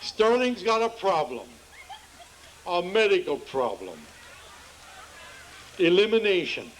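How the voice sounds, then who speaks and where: This rough recording, carrying a little hiss or hum, captures a very animated, high-voiced man from Pennsylvania taking his time as he tells folksy jokes. Speaking with a Pennsylvania Dutch accent, he playfully works the crowd at an outdoor town festival.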